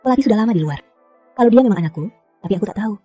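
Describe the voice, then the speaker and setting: A middle-aged woman dubbing a wealthy mother who scolds briskly and sharply. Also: mid-range voice, animated, dark tone, husky, lo-fi sound, soft background music. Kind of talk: dubbed drama acting.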